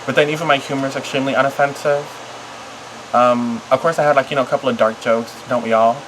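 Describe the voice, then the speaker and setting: A vlogger talking casually and confessionally to camera in a halting, rambling, apologetic way that often trails off. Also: medium pitch, steady tone, a bit bright, a little hiss or hum, poor audio. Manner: apologetic, self-conscious.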